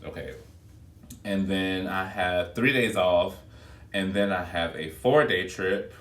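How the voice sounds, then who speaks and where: A deep, slightly bright male voice moves at a slow pace. He's a flight attendant chatting expressively and casually to viewers. It's phone video from an echoey room, with the mic kept at a distance.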